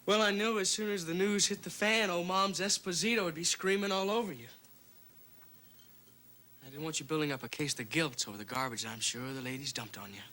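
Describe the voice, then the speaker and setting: A man's voice: on the high side, fairly quick, pushed and bright. A man playing a young adult son in a television drama, casual, frank and affectionate with a wry edge.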